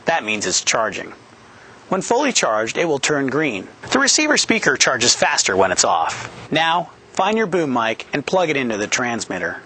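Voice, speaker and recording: Bright and forceful, this fairly high male voice belongs to a thirtysomething product manager giving a scripted training presentation. He stands on a studio set with a yellow backdrop and speaks into a headset boom mic. His manner is upbeat and jokey, and he explains each step clearly.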